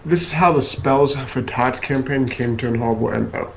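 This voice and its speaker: A man reading card text aloud over a video call, plain and matter-of-fact. His voice is gravelly with plenty of fry, and a faint hiss sits behind it. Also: medium pitch, moderate pace, poor audio. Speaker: co-host reading cards. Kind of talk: casual chat.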